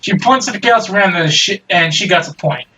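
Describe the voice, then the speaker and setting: A man's voice: high-pitched, expressive, a little fast, pushed and bright. Young man reading a game aloud. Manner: casual, wry, self-deprecating asides. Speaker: let's-play host. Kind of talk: reading a dating sim aloud. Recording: distant mic, faint music.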